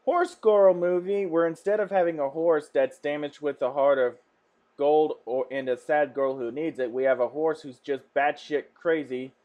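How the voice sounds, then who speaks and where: A man reacting to memes in a casual vlog. He laughs often, swears freely and jumps from mumbling to yelling. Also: a little high. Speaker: meme reviewer. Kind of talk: casual meme commentary vlog.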